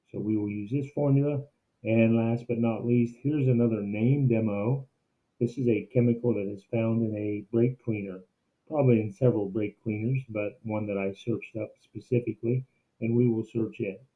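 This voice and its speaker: A man giving an instructional screencast demo like a teacher, explaining things step by step. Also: mid-range voice. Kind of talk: instructional screencast narration, semi-scripted. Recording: muffled, narrow phone-like sound.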